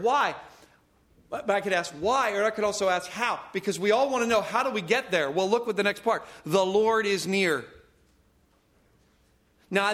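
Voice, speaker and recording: High-voiced man preaching with emphasis. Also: a bit bright. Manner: emphatic, repeats phrases for stress; self-aware humor about raising his voice. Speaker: pastor. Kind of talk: sermon.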